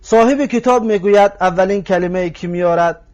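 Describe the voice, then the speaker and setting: A man with a Tajik accent teaches a recorded language lesson in a fairly high voice. He says each new word several times, slowly and carefully. He often stops to ask his listeners if they are following. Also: a little mellow. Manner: patient, repeats words slowly to drill them; addresses listeners directly, asks if they follow.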